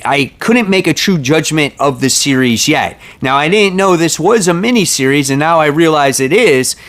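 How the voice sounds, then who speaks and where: A man's voice: a little high, a bit bright. A man presenting a top ten countdown as a video host, talking informally and conversationally straight to his viewers. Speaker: comic book reviewer and channel host.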